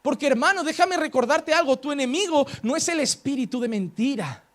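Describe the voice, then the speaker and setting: High-voiced pastor preaching with emphasis. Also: male voice, animated, a little fast, fairly bright tone. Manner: emphatic, repeats key words for effect, acts out quoted voices. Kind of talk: sermon.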